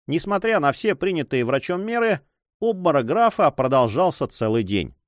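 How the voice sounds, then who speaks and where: A man reads a story aloud in an expressive storytelling manner. His pitch rises and falls in lively swings. The recording is dry and close. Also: moderate pace, no echo. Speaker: audiobook narrator. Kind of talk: scripted narration.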